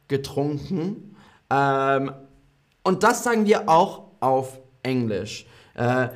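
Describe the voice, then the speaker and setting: A man teaching German in a live online lesson, repeating each phrase slowly and clearly and reading out comments from his learners. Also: mid-range voice.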